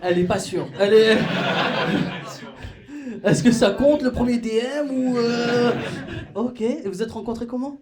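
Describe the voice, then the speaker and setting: An unhurried stand-up comic with a very high voice leaves long pauses while bantering with a club audience. His delivery is casual and slangy, lively, and full of laughter at the punchlines.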